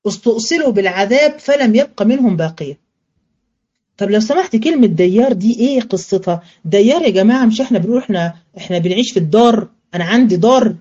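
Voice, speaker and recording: A woman teacher with an Egyptian accent giving a religious studies lesson in colloquial Arabic, asking questions and answering them herself, and slowing to a chant when she recites verses. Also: medium pitch, lively intonation, mellow, husky, lo-fi sound.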